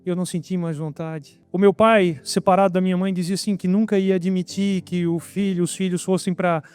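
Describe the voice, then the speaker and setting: A man's voice: high-pitched, level tone, a little fast, darkish tone, clean tone. A man giving an emphatic sermon testimony, often calling his listeners brother. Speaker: preacher.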